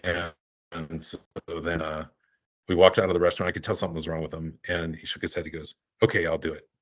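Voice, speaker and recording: Older guy, really low voice, rambly and halting, kinda dull lo-fi sound. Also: flat delivery. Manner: rambling, halting, many restarts. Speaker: guest, animal relief volunteer. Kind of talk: storytelling in a casual interview.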